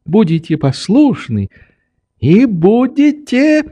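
A man's voice: sits high, big pitch swings, takes it slowly, dark tone, voice pushed up, exaggerated voice. A man voicing a mischievous, capricious sick young girl who teases and plays in an audiobook. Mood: teasing. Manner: teasing, playful. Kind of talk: audiobook character reading.

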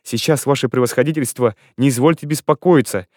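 A man's voice: mid-range voice, fairly quick, darkish tone, no echo, clean studio sound, close to an everyday voice. A man reading aloud, voicing a frightened, fawning young clerk. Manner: fearful, fawning.

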